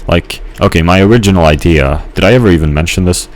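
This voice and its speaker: A man's voice: sits low, quick pace. A man casually rambling while playing a game, hesitant, with many fillers and restarts. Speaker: gamer narrating his gameplay.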